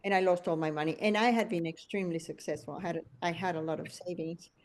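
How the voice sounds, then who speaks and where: A woman's voice: fairly low pitch, steady tone, fast talker. Host: middle-aged woman from Venezuela, reflective storyteller, restarts often, conversational podcast tone. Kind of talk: conversational interview.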